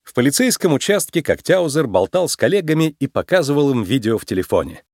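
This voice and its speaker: A man narrating a children's storybook aloud with an expressive, animated reading. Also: medium pitch, fast talker, dry recording, studio quality.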